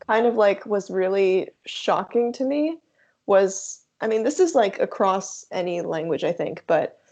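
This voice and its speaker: A young adult woman chatting as a guest, talking in an animated, chatty way with many filler words. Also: mid-range voice, unhurried. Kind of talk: casual chat. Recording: dull lo-fi sound.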